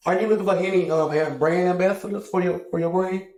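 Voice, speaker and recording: A man's voice: sits high, fairly even intonation, a little fast, darkish tone. A man hosting a casual interview chat, playful and joking as he asks questions. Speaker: interview host. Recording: echoey room.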